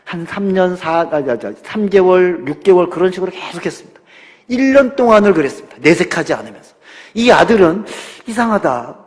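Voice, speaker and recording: Pastor guy preaching, kinda high voice, acts out the people in his story, drops to almost whispering, long echo in the hall. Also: lively intonation, a little fast. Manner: dramatic storytelling, acting out quoted parents and son; swings from loud exhortation to near-whisper. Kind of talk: sermon.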